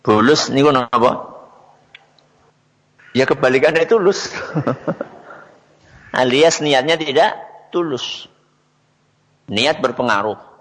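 A man's voice: medium pitch, expressive, takes it slowly, pauses often, fairly bright tone, big-room sound. A man giving a religious talk on parenting to an audience, asking questions and answering them himself. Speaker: religious speaker.

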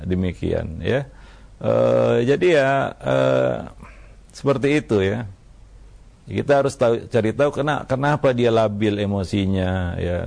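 A man, an Islamic preacher giving calm religious advice on parenting, unhurried and dotting his talk with "ya". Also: medium pitch, gravelly. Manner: calm, unhurried, frequent "ya" tags. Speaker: Islamic preacher answering questions.

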